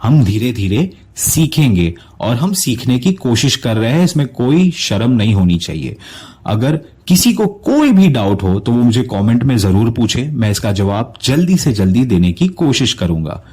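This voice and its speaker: A man teaching English pronunciation to viewers in a recorded lesson, slowly sounding out each word and encouraging them to keep practicing. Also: medium pitch, very animated, mellow, slightly rough. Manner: encouraging, addresses viewers directly.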